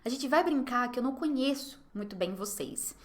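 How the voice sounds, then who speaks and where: Young brazilian woman teaching french online, brazilian accent, kinda high voice, cheers learners on and says words slow so they can repeat. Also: animated. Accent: Brazilian Portuguese. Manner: encouraging, repeats words slowly for learners to copy. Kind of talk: online language lesson.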